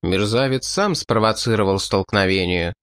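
A man's voice: on the low side, normal speed, a bit bright, clean tone, no room sound, lightly acted. Man reading as ruthless french marquis, blunt, ironic, contemptuous, dry audiobook sound. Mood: scornful.

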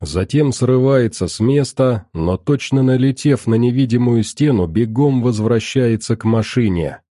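A man reading a horror story aloud in a measured, even narration. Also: medium pitch, no room sound, clean studio sound.

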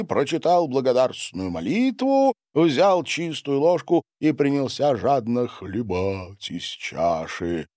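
A man narrating an audiobook in a measured storytelling manner. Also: mid-range voice, a little mellow, dry recording, studio quality.

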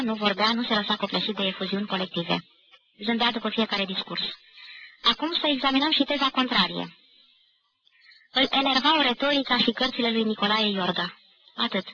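A woman reads a literary novel aloud with a measured, clear delivery and a bright, crisp edge to her voice. The recording is muffled and slightly hissy, like a tape from an old radio archive. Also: on the high side. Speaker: audiobook reader.

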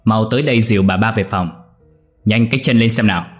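A man voices a harsh patriarch barking orders, low and husky in tone. His anger is cold and commanding. Faint music plays under the tale. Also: fast talker, natural voice. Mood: furious. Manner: angry, commanding. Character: harsh wealthy patriarch, master of the house.

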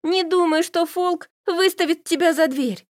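A woman reader puts on a lively young woman friend with a high, ringing voice that pushes and coaxes. She is emphatic and insistent in an audiobook scene. The sound is dry and close. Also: a little slow, no room sound. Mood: coaxing. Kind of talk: audiobook character voice.

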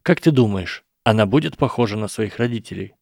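An earnest young wizard, as a male reader plays him explains his argument slowly and persuasively. His low, gravelly tone stays close and dry, with no room around it. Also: lively intonation, a little mellow, dry recording. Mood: reasoning. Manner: measured, persuasive, slow explaining. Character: earnest boy wizard, calm and reasoning. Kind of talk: audiobook character voice.

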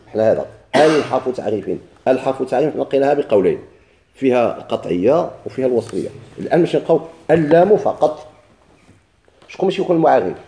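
A man with a Moroccan Arabic accent teaching a grammar lesson, asking questions and answering them himself, and repeating key words slowly. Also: mid-range voice, warm tone, reverberant.

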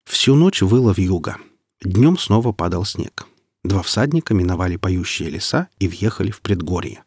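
A man narrating an audiobook as measured storytelling. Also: low-pitched, animated, darkish tone, husky, dry recording, studio quality. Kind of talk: scripted narration.

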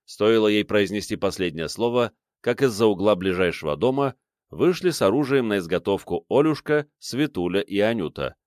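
A man's voice: on the low side, animated, moderate pace, darkish tone, no echo, clean studio sound. A man narrating an audiobook in scripted narration, reading expressively.

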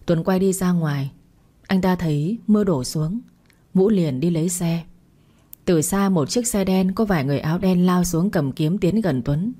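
Female narrator, low mellow husky read, one plain voice for every part. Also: normal speed. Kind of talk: storytelling narration.

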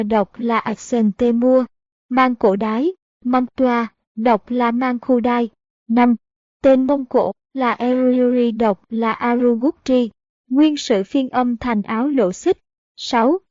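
A woman's voice: a little high, slow pace, no echo. A woman reading a historical novel aloud as narrator, going steadily through story passages and endnotes. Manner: steady reading, also of notes and citations. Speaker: audiobook narrator. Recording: dull lo-fi audiobook recording.

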